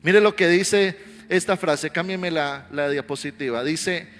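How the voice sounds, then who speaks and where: A male pastor preaching a sermon, telling stories animatedly and swelling into loud exhortation. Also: a little high, a little slow. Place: church sanctuary. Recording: reverberant hall with faint music.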